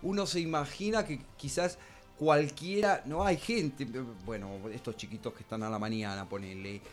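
A man's voice: a little high, moderate pace, faint music behind, close to an everyday voice. Man playing a pompous rambling Argentine commentator. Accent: Argentine Spanish. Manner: rambling and pompous, full of filler tags. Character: fawning male pro-government commentator, pompous and rambling. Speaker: radio comedian. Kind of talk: improvised satirical radio sketch.

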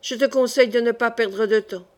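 A woman's voice: a little high, fairly even intonation, a little fast, close to an everyday voice. A woman voicing Coconas, a brash male swordsman who blusters and swears old oaths, in an audiobook reading. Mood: urgent.

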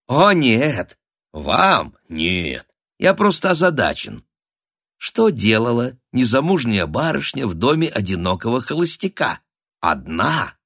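A man's voice: mid-range voice, sing-song, unhurried, a bit bright, breathy edge, dry recording, studio quality, pitched above the performer's own voice, exaggerated voice. A man voicing a spiteful, scheming nobleman who grimaces and shrieks his threats. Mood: shrill threats.

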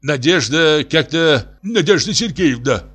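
A man voicing a drunk, distraught middle-aged professor who pleads in high, drawn-out wails. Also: expressive, fairly bright tone, husky, soft background music, full character voice. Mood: anguished.

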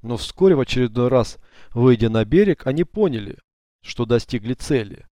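A man narrating an audiobook in an even, measured storytelling manner, on a close studio mic. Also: medium pitch, dry recording. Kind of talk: scripted narration.

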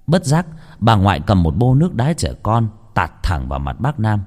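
A man narrating a ghost story in a measured, dramatic storytelling manner. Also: lowish voice, huge pitch swings, a little mellow. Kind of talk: scripted horror narration.

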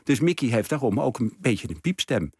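A man's voice: medium pitch, big pitch swings, moderate pace, darkish tone, slightly rough, no echo. A man guest in a radio interview, explaining with enthusiasm and plenty of fillers. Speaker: exhibition curator, guest. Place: radio studio.

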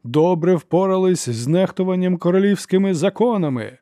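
A man's voice: on the high side, no echo, studio quality, voice pushed up, natural voice. A man voicing a silky, melodious inquisitor lord. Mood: furious. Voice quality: measured melodious voice. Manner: smooth, theatrical, turns to shouting accusations. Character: suave scheming male church inquisitor, older. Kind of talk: audiobook character voice.

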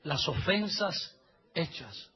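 A pastor preaches to his congregation with a fairly high, very husky and raspy voice. His delivery is emphatic, dropping to quiet asides and rising to loud exhortation. The recording sounds dull and muffled. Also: very animated, slow. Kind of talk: sermon. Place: church service.

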